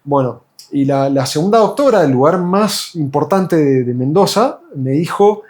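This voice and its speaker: Argentine man, patient testimonial, casual and halting, slightly high voice. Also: expressive, a little mellow. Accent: Argentine Spanish. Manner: hesitant, many fillers and restarts.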